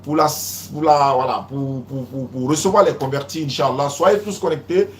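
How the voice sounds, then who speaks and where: A man's voice: medium pitch, normal speed, echoey room. Talkative male preacher on a noisy live stream. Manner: repeats phrases, keeps saying "Inch'Allah" and "Allô?". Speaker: preacher hosting a live call-in. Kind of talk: casual live-stream chat with callers.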